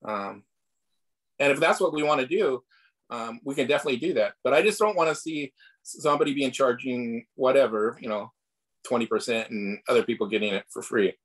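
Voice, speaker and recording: A man's voice: medium pitch, brisk, husky, poor audio. A man leading a casual club meeting on a video call, rambling with fillers and hedges.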